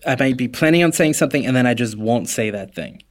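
A man's voice: mid-range voice, lively intonation, fast talker. Man, podcast co-host, casual chat, easygoing, hesitant, fillers.

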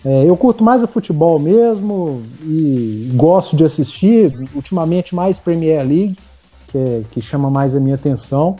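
A man's voice: a little high, lively intonation, moderate pace, mellow, soft background music. A man from chatting casually as a sports journalist on a podcast. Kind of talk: casual chat.

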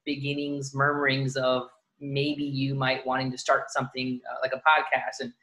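Bright-voiced man, rambling and restarting. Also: mid-range voice, monotone, moderate pace. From Dallas, Texas. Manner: rambling, many restarts and fillers. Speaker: podcast guest. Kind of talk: casual podcast chat.

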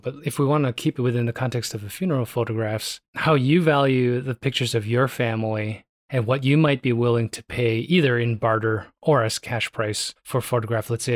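A man co-hosting a casual podcast, thinking out loud. His talk rambles through restarts and offhand curses. The sound is dry and close with no room around it. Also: medium pitch, dry recording. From Canada. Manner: reflective, rambling, swears casually. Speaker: podcast co-host. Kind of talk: casual conversation.

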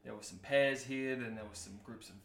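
A man's voice: medium pitch, brisk, a bit bright. A young man of about twenty-one with a Queensland Australian accent, chatting casually in an interview as an actor. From Brisbane, Australia. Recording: echoey room.

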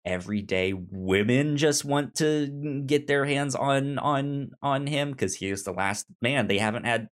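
A podcast co-host with a medium-pitched voice speaks at a measured pace with few pauses, chatting casually about books and shows he recommends. He has a pronounced stutter, repeating sounds and syllables.

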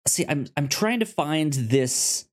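On a film podcast, a male co-host gives casual, unscripted recommendations, stammering and repeating the beginnings of words. His voice is on the high side and expressive, and he speaks slowly.

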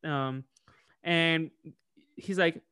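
A man's voice: a little high, extremely slow, clear, resonant tone, no echo. Chatty man recapping a cartoon, dry mic. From United States. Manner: animated, acts out character lines. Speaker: podcast co-host. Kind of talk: casual episode recap.

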